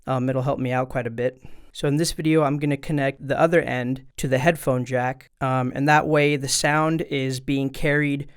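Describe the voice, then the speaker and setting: Here a man explains things step by step in a casual, direct manner to his viewers, working at an indoor desk. He speaks at a normal speed with a mid-range, clear, resonant voice and fairly even intonation, recorded through a studio microphone and audio interface.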